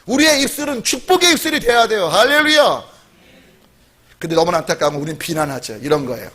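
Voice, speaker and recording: Animated high-voiced male pastor. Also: fast. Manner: animated, asks the congregation questions. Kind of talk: sermon.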